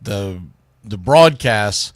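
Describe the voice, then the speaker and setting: This sports show host runs a laid-back solo livestream, talking very slowly in a fairly low, expressive voice. He rambles informally and folksily, using Southern expressions like "y'all," and the studio recording is clean and echo-free.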